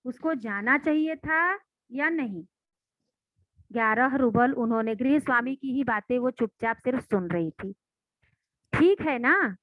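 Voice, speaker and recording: A woman's voice: a little high, a little slow, dry recording. A woman teacher retelling and explaining a story in a lesson, asking rhetorical questions. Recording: dry, tinny phone-like sound.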